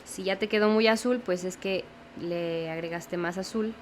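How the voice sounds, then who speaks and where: Young woman teaching watercolor, patient, keeps checking in, mid pitch, faint hiss behind. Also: steady tone. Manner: patient, explains slowly, often checks in with the viewer. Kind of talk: step-by-step painting tutorial.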